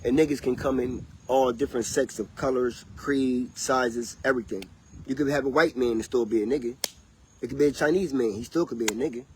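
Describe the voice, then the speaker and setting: A vlogger on a casual livestream rambles and preaches in a brisk, loose, easygoing manner at an ordinary pitch. He's recorded outdoors, with faint crickets and insects in the background, and his voice occasionally drifts off the mic.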